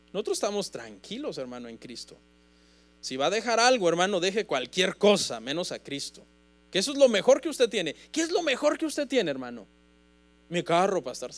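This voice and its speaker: A man preaching a sermon as pastor of a church congregation, earnest and emphatic, often calling his listeners "brother". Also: on the high side.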